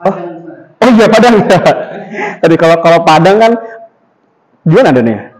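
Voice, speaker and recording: A man's voice: a little high, moderate pace, rough recording. A young man teaching Arabic public speaking to a class, quizzing students and showing recitation. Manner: lively, quizzes the class, demonstrates flat recitation. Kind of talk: classroom lesson.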